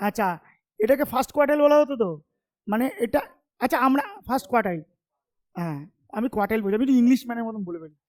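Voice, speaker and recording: Very high-pitched and chatty, a male commerce tutor delivers an informal classroom lecture, constantly checking understanding with quick questions. He keeps a familiar, teasing tone with his students.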